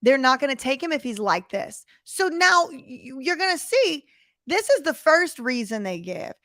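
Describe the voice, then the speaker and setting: High-voiced woman giving emphatic commentary. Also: sing-song, normal speed, a bit bright. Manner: emphatic, repeats lines and puts rhetorical questions to viewers. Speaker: commentary host. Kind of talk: casual live commentary on footage.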